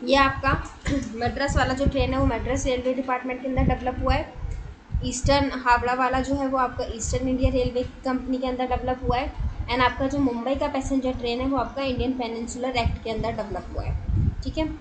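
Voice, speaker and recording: A woman teaches an online coaching class in a fairly high voice, mixing English words into her explanation. She addresses the students directly and quizzes them as she goes. A clear steady noise runs under the recording. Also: a little fast.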